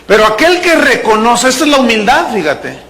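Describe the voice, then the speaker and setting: High-voiced pastor preaching. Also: male voice, fairly quick. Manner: animated, playful preaching, acts out characters and jokes. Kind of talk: sermon.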